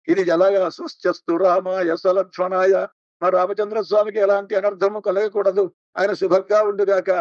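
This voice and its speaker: A man giving a devotional scripture discourse, slowly chanting verses and then explaining them in plain speech. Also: high-pitched, no room sound. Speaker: religious discourse speaker. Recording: dull, dry recording.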